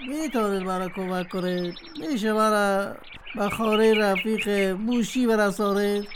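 A woman's voice: medium pitch, background noise, natural voice. Woman doing a fretful lost little rabbit. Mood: pleading. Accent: Afghan Dari. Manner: fretful, talks to herself, pleading. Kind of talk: children's cartoon voice acting.

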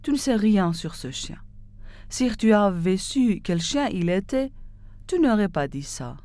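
A woman's voice: mid-range voice, lively intonation, a little slow, dark tone, no echo, natural voice. A woman voicing a weeping, miserly man in a spoken fairy tale, delivering his lines in a plaintive, tearful way. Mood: grieving. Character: weeping, stingy man grieving his dog.

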